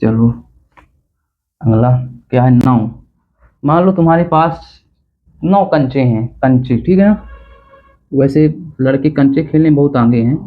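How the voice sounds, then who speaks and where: A man's voice: medium pitch, lively intonation, slow pace, pauses often. A man teaching a basic math lesson in a chatty, teasing way, checking often that students follow. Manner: chatty, teasing, repeats "theek hai na" to check understanding. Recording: tinny phone-like sound.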